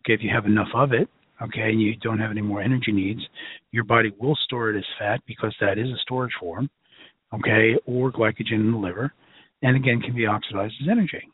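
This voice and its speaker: This Brooklyn-born health educator speaks quickly in a fairly low, husky voice with a steady tone. He lectures a class informally and emphatically, keeping things conversational and folksy. The sound is thin, like a phone line.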